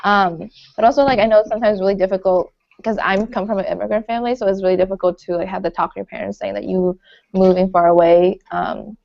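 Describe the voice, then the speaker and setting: A woman's voice: medium pitch, steady tone, quick pace, vocal fry. A young woman from Florida, a college student on a panel, talking casually with many fillers and restarts. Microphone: video call. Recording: lo-fi video call audio.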